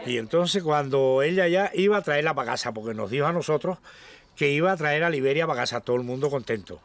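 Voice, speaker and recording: A man's voice: fairly high pitch, lively intonation, a little fast. A man, telling a family story in a colloquial, plain way. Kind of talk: documentary interview.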